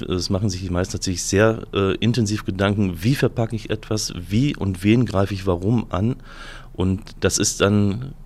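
Low male voice, hesitant and careful interviewee. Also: darkish tone. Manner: hesitant, many fillers. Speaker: museum director. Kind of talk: interview answers.

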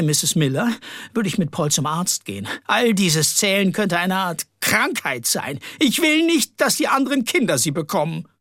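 A man's voice: very high voice, fairly bright tone, dry recording, clean studio sound, pitched above the performer's own voice, full character voice. A man voicing a spiteful, bossy headmistress in an audiobook, shrieking and indignant. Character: shrill spiteful headmistress, older woman. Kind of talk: audiobook character voice.

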